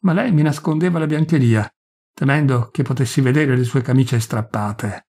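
A man's voice: medium pitch, moderate pace, darkish tone, slightly rough. A man voicing a poor young village priest, pleading and self-accusing in shame. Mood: anguished.

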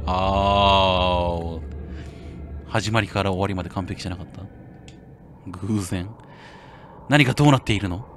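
A male game streamer playing a horror game, reading the story text softly and breaking into loud, excited outbursts between lines. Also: deep voice, measured pace, pauses often, slight background noise. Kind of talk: horror game playthrough, reading dialogue aloud with commentary.

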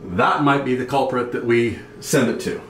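A man's voice: medium pitch, normal speed, fairly bright tone, roomy sound, far from the mic, slight background noise, rough recording. A man working on his sailboat's refit, explaining the plumbing and wiring step by step in a matter-of-fact way. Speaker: boat owner doing refit work. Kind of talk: casual explaining while working. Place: inside a boat under refit.

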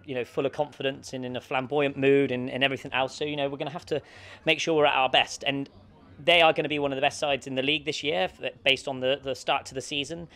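A man in his thirties, a football manager, giving a post-match interview outdoors in an empty stadium stand, talking steadily with many restarts and fillers into a handheld mic. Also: medium pitch. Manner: steady, flat delivery with frequent restarts and fillers. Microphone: handheld mic with windshield held close.

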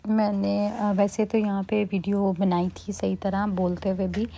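In a quiet indoor room, a young adult woman, a vlogger, records a casual voice-over for a shopping vlog, chattily listing items with frequent fillers. Her mid-range voice is creaky and mellow, with little pitch movement and a measured pace.

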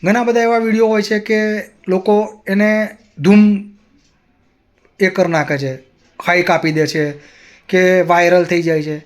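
A man's voice: high voice, flat delivery, unhurried, long pauses. A man vlogger telling a personal story in an earnest, moralizing way.

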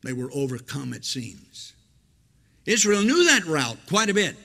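Older pastor preaching with dramatic swings. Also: male voice, big pitch swings, a little slow, vocal fry. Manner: dramatic swings between loud emphasis and quiet low asides. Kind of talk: sermon. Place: church sanctuary, at a pulpit. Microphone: pulpit microphone.

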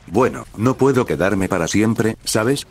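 A man voicing a cheerful, naive young man in a story reading, delivered in a flat, even way. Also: lowish voice, measured pace. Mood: easygoing.

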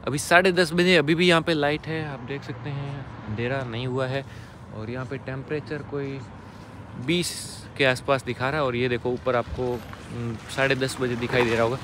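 On an outdoor railway platform at night, a young Indian travel vlogger films himself with a phone held at arm's length and chats directly to his viewers, hushing his voice near sleeping passengers. His voice is medium-pitched and steady at a normal speed, with background noise.

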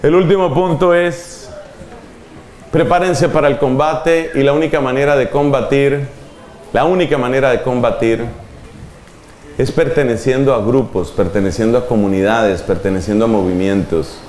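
A man preaching a lively sermon to a live audience, shifting his pitch for emphasis. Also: moderate pace. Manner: animated, shifting pitch for emphasis and quoted children. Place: large hall at a church retreat. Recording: echoey hall.

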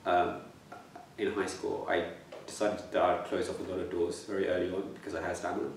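A man in his twenties answers interview questions reflectively, stammering, repeating words and restarting. His low, gravelly voice is flat and brisk, with slight background noise. He's in a plain indoor room, recorded with echo and a slightly distant mic.

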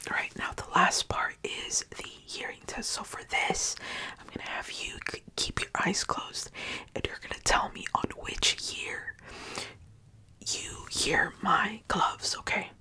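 A young woman performs a whispered role-play in a fast ASMR style. Her whisper is breathy and unvoiced, very close to the microphone. She plays a brisk, polite examiner who gives short, clipped instructions. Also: medium pitch, pushed and bright. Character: brisk, polite examiner giving a quick check-up. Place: small bedroom, indoors. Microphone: large covered microphone very close to the mouth.

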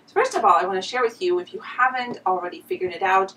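A Romanian woman in her thirties with a Romanian accent talks earnestly to the camera in a reflective vlog, gesturing and often restarting her phrases. Her mid-range voice is quick and sharp. The recording is rough and distant, with a little hiss or hum.

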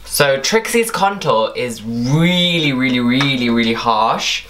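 A man's voice: mid-range voice, lively intonation, slow, a bit bright, a little hiss or hum. Young man presenting a makeup tutorial. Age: young adult. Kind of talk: instructional tutorial narration.

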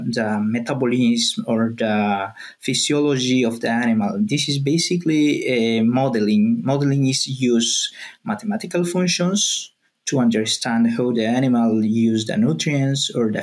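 A man in his thirties from Peru with a Peruvian Spanish accent, a researcher speaking as a guest on a video call, with many fillers and restarts. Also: medium pitch. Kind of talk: remote interview. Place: office. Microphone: earbuds on a video call.

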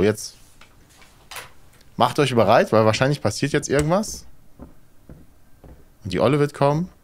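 A man doing casual let's play commentary, thinking aloud hesitantly as he plays. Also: fairly low pitch. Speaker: let's player, horror game streamer.

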